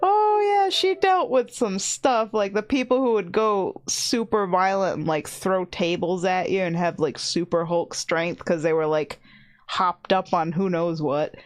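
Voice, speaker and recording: A woman's voice: lowish voice, a little slow. Chatty woman streamer rambling with "like". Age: 30s. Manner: chatty, rambling, fills with "like", laughs often. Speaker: VTuber streamer. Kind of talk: casual stream chat.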